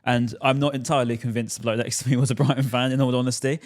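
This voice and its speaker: A man's voice: medium pitch, flat delivery, fast. A man hosting a casual football chat, talking in long rambling stretches full of restarts. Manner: chatty, rambling, lots of restarts and "you know". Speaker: podcast host.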